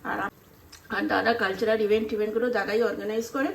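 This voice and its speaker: Brisk and creaky, with a mid-range voice and flat delivery, this middle-aged home cooking vlogger speaks with an Indian Bengali accent. She tells rambling, casual stories as she cooks and acts out remembered dialogue, with echo and some noise in the recording.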